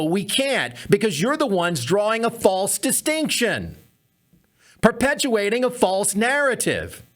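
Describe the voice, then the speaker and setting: A man's voice: high voice, a bit bright. A man hosting a comedy podcast, giving sarcastic political commentary full of mocking rhetorical questions.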